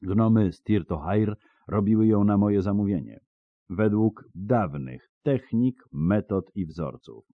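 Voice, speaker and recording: A man voicing a grave, solemn old swordsmith in an audiobook, speaking in slow, measured tones. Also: lowish voice, lively intonation, no echo, narrow, tinny audio. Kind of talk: audiobook character voice.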